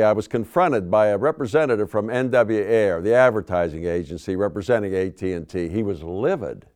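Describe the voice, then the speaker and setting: Older man, speaker at a public forum, measured dry storytelling, lowish pitch, smooth resonant tone. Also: a little mellow. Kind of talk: recounting a personal story.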